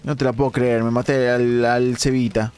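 Hombre ronco comentando partida. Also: male voice, mid-range voice, normal speed, background noise. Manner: animated, dramatic outbursts at the game. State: hoarse, sore throat. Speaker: gaming streamer. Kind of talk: live-stream gameplay commentary.

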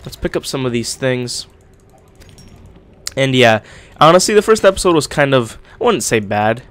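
A man's voice: medium pitch, sing-song, moderate pace, a bit bright, no room sound. A young man doing casual let's-play commentary, slightly congested from being sick, talking with a swollen lip. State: getting over being sick. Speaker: gaming YouTuber, host.

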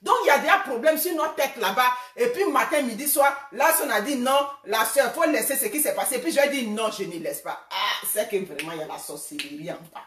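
A woman in her forties talks in a loose, conversational way, with a fairly high voice. She keeps retelling what people said to her. The sound is roomy and echoey, and she sits some way back from the microphone. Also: expressive, a little fast, few pauses, a bit bright, recorded from a distance. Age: 40s. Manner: conversational, retelling quoted exchanges. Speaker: social media personality. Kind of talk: casual personal address to a rival.

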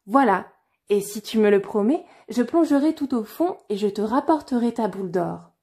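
A woman voicing a pleading, insistent little frog at a well in a fairy-tale reading, calling out high and loud. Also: expressive, moderate pace. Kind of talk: storybook reading.

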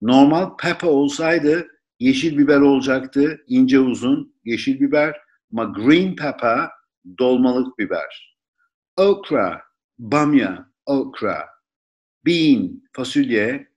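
Slow, deliberate male language teacher. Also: mid-range voice. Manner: slow, deliberate, repeats each word for pronunciation. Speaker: English teacher. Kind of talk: vocabulary lesson narration.

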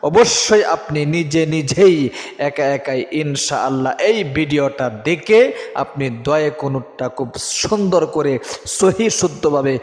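A man teaching a prayer as a repeat-after-me drill, urging listeners and then chanting each phrase slowly. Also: a little high. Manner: urgent exhortation, then slow drawn-out chanted syllables. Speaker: religious teacher. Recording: echoey room with long reverb.

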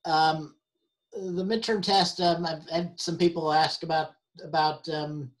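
A man teaching an online help session, halting with many fillers and restarts, and losing his voice. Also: on the high side, fairly even intonation. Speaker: university instructor.

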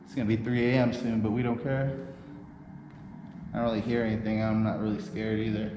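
A man's voice: on the low side, flat delivery, fairly quick, dull audio. A man exploring an abandoned powerhouse at night, chatting casually and cracking wry jokes into a handheld camera. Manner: wry joking remarks. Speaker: urban explorer. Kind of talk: casual chat while exploring. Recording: echoey building with noise.

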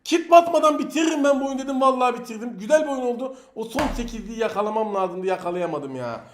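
A man commentating his own mobile battle royale match in Turkish-accented speech, excitable and taunting the opponents he fights. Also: extremely high pitch, quick pace, slight background noise. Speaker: mobile game streamer. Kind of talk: live gameplay commentary.

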